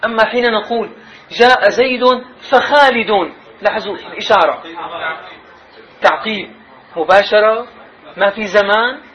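High-voiced teacher, questioning. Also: male voice, fairly bright tone. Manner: questioning, drawn-out emphasis on key words. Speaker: Arabic grammar and rhetoric teacher. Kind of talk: classroom lesson. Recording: slightly dull sound, faint noise.

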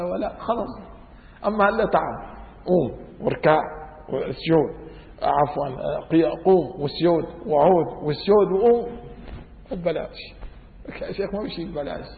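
Man, religious teacher, animated with wry asides; thin lo-fi sound, long hall reverb. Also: a little high, a little hiss or hum. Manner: lively, demonstrative, wry asides. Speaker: teacher of Islamic law. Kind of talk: religious lesson. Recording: tinny phone-like sound in echoey hall.

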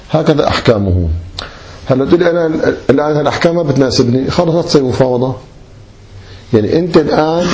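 A man's voice: medium pitch, warm tone. A man teaching Islamic law in a classroom lecture, calling his listeners brothers and asking and answering his own questions.

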